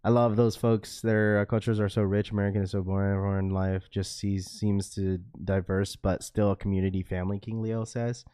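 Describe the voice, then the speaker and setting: Here the laid-back livestream host reads chat in a lowish, warm, clear and resonant voice, with flat delivery, a slightly fast pace and few pauses. Casual talk full of "bro," "dude" and "like" comes from this young adult to middle-aged father of a school-age daughter, who's from Washington state, US. It's clean studio sound without room noise.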